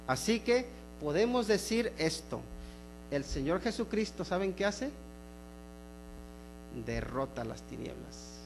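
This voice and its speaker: A man preaching a sermon in a church, emphatic, slowing on key phrases and dropping to soft asides. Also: high voice, big pitch swings, background noise. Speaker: pastor. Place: church sanctuary.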